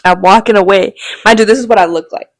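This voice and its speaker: This fast-talking podcast co-host is a young adult woman with a mid-range voice, recorded with no room sound. In casual chat she tells a rambling story, animatedly acting out quotes and laughing frequently.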